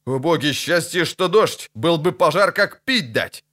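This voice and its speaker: A man's voice: fairly high pitch, animated, measured pace, sharp tone, voice pushed up. A man voicing a blustering, irritable town official who barks orders in an audiobook. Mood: indignant.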